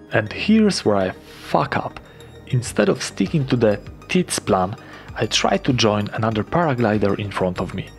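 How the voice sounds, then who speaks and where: Gravelly, lively man narrating his flight. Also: lowish voice. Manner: enthusiastic, casual, swears freely. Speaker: paragliding vlogger. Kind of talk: first-person flight commentary voice-over.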